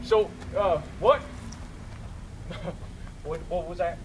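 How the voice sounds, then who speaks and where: A man's voice: sits high, extremely slow. A man playing an eccentric old backwoods hermit who talks to trees, rambling and chuckling in a folksy way, recorded outdoors. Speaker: costumed character performer with visitors. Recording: outdoor noise with passing traffic.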